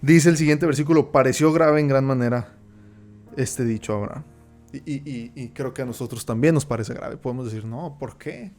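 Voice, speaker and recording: A man leads a Bible lesson, reading scripture and then unpacking it with frequent check-ins to the listener. His voice sits at an ordinary middle pitch. Soft music plays faintly underneath. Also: a little fast. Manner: reads verses aloud, then explains them, often checking in with the listener. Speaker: Bible teacher. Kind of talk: Bible study teaching.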